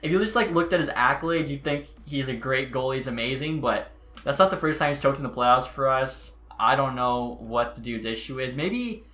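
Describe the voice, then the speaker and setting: A man's voice: medium pitch, a little fast, sharp tone. A man giving casual gameplay commentary as a YouTuber, chatty with exasperated outbursts. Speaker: gaming YouTuber. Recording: roomy echo.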